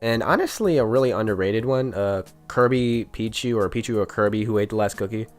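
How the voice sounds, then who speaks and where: Over soft background music, a young YouTuber narrates a casual storytime about his school years, joking and chatty with a few small stumbles. His voice is lowish and a little quick, and sounds nasal and congested because he's ill.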